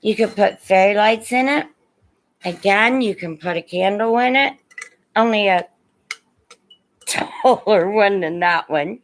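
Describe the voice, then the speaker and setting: A middle-aged or older woman from Indiana, with a Midwestern American accent and a mid-range voice, sells vintage and antique pieces in a casual livestream. She takes it slowly, pausing often, and addresses viewers with endearments.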